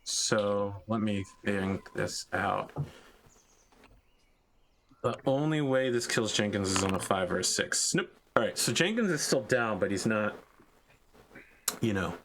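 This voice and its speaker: A man acts as game master, narrating a tabletop game in a casual way. His voice sits a little low, and faint noise runs behind it. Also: expressive, a little slow, pauses often, fairly bright tone.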